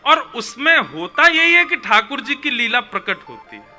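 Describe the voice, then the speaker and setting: A man telling a devotional story in a lively, animated way, putting on the voices of the figures in it. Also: extremely high pitch, normal speed, faint music behind. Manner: animated, voices the figures in his tale, chuckles.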